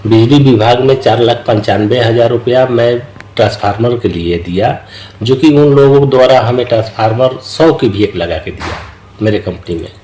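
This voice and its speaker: A man's voice: mid-range voice, normal speed, dark tone, slight background noise. A man interviewed for the news, complaining about his situation. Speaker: factory owner interviewed. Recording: roomy echo.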